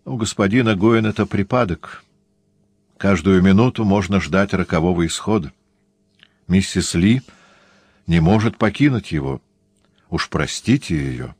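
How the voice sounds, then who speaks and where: Cool shrewd Jesuit priest, measured, probing, voiced by a man, deep, dry. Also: lively intonation, a little mellow, breathy edge, dry recording, exaggerated voice. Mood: calm.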